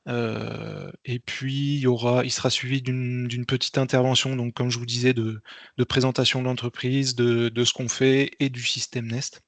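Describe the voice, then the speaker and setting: With frequent repeats and a hesitant, halting manner, an event organizer delivers an informal meeting briefing. His mid-range voice is flat with vocal fry, recorded with no room sound.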